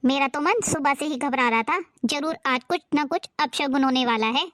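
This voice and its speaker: A woman's voice: high voice, normal speed, fairly bright tone, dry recording, studio quality. A woman playing a harsh, superstitious middle-aged mother-in-law who scolds in a bossy way, in a homemade moral-story drama. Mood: accusing. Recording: music clearly behind the voice.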